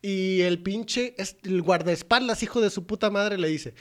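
Young Mexican male co-host, high register, crude slangy comic storyteller. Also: unhurried, a bit bright. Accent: Mexican Spanish. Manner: crude, slangy, acts out characters' quotes. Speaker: podcast co-host. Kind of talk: casual comedic recap.

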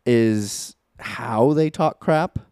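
A man co-hosting a podcast in casual chat, laughing along and giving quick agreeing replies. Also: mid-range voice, darkish tone, clear, resonant tone, no room sound, clean studio sound. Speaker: podcast co-host.

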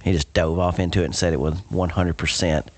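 A man's voice: low voice, steady tone, quick pace, a little mellow, a little hiss or hum. A man co-hosting a casual sports podcast, teasing the others and moving the segment along. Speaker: podcast co-host.

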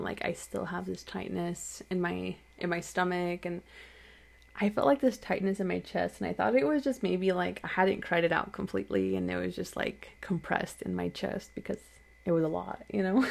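A woman's voice: lowish voice, gravelly. A young adult woman hosting a solo podcast episode, candidly telling a personal story in casual, filler-heavy talk. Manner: candid, conversational, many "like" fillers. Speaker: podcast host.

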